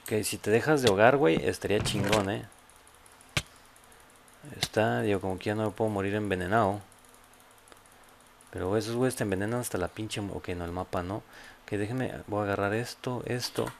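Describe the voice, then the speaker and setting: A man's voice: on the low side, brisk, creaky, pauses often, noisy background. Profane Mexican man narrating his gameplay. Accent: Mexican Spanish. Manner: swears a lot, bursts into loud yelps. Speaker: gameplay YouTuber. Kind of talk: casual gameplay commentary.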